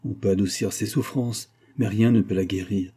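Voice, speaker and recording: A man's voice: on the low side, steady tone, normal speed, warm tone, breathy edge. A man reading as a grave, blunt old doctor. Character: grave older male doctor, blunt but calm.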